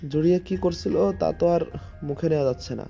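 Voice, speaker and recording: A man acts out a middle-aged father in an audio drama, grave, stern and easily scandalised. His voice is very dark and soft-edged, on a dull recording with music underneath. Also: on the high side, brisk, creaky. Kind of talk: audio story acting.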